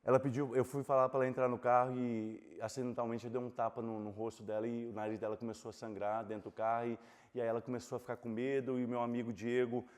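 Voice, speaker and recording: A pastor in his forties preaching a sermon with a personal testimony, swinging from loud impassioned preaching to hushed confession. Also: medium pitch, flat delivery, fast. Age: 40s. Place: church sanctuary. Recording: long reverb of a church hall.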